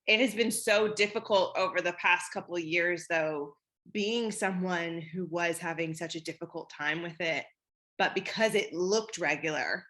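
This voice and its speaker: A woman with a bright, forceful voice, chatting easily as a co-host. She laughs often and jumps up high when she acts out what someone said. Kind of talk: casual chat.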